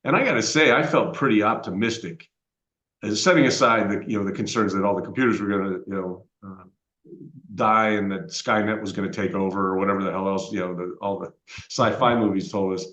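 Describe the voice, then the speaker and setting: A man's voice: lowish voice, brisk, a bit bright. A man in his fifties, podcast co-host, chatting casually and reflectively with many fillers. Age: 50s. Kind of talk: casual chat. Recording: echoey room, dull lo-fi sound.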